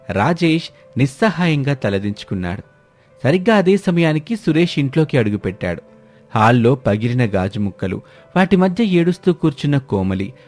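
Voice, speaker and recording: Male storyteller over soft music. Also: medium pitch. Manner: steady, expressive storytelling. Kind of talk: scripted story narration.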